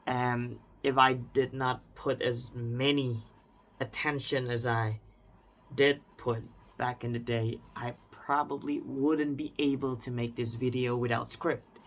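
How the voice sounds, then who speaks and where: A vlogger in his twenties with an Indonesian accent gives an unscripted, reflective personal monologue, often restarting and hedging with phrases like "I would say." His voice is medium-pitched, fairly bright, flat in delivery, and slow.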